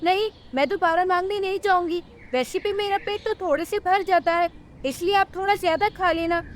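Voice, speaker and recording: A woman's voice: extremely high pitch, normal speed, slight background noise. A woman voicing a small, honest female sparrow in a cartoon story, who speaks in a polite, pleading way.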